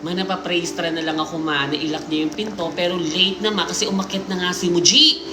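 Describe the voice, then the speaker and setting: A woman hosting a live stream, reading listener stories aloud in lively mixed Tagalog and English, with jokes and asides. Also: lowish voice, brisk. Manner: animated storytelling, Taglish, jokes and asides. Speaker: livestream host. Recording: roomy sound with music playing behind.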